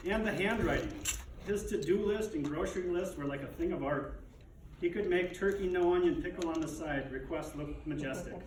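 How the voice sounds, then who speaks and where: A man's voice: high-pitched, brisk, darkish tone. A man delivers a prepared eulogy as a son, with dignified, restrained grief and wry, fond humor. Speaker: son giving a eulogy for his father. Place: echoey room, speaking to a gathering. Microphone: distant microphone. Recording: echoey, distant, noisy room recording.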